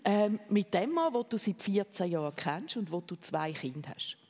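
A host with a Swiss German accent leading an interview with curious, conversational questions. The voice sits at a middle pitch, with a long reverb behind it. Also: sing-song, normal speed, a little mellow, slightly rough. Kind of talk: radio interview.

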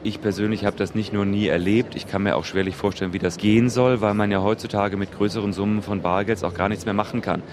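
A man giving measured, formally worded interview answers as an executive. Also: lowish voice, fairly even intonation. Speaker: art trade executive being interviewed. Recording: clear background noise.

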